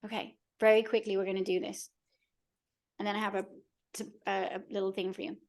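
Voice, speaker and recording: A woman's voice: medium pitch, level tone, a little fast, darkish tone. A woman coach leading a live online workshop in a soothing, encouraging way, checking in often with her listeners. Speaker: mind-body coach.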